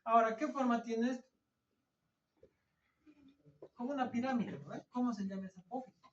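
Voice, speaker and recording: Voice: mid-range voice, normal speed, recorded from a distance, a little hiss or hum. An anatomy teacher lecturing a class, quizzing students and answering the questions themselves while drawing at the board. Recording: echoey classroom recorded from afar, dull lo-fi.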